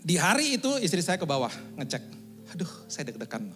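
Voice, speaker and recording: A male pastor giving a sermon testimony, telling his story in a lively way and acting out the dialogue. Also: on the high side, fairly quick, soft background music.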